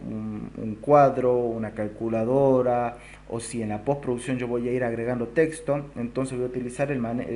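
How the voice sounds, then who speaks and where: A man teaching a recorded video lesson, explaining step by step and often checking in with a quick "¿sí?". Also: mid-range voice, darkish tone. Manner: explanatory, keeps adding a checking "¿sí?". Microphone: close to the recording device.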